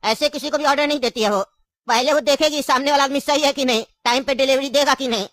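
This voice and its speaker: A scheming old grandfather who coaxes and insists, voiced by a woman with a high, bright tone. The sound is close and dry, and the delivery has a comic, laughing edge. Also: quick pace, no room sound. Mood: coaxing. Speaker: comic skit actor. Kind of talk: comedy skit acting.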